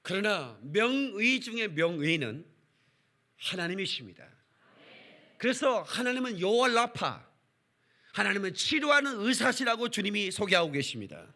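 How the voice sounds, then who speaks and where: A male pastor preaching at a church service, his pitch rising and dropping widely as he tells a story. His voice sits high and bright for a man. He keeps the congregation engaged with calls for responses. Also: normal speed. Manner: animated, calls for congregation responses, acts out quotes. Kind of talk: lively revival sermon with storytelling.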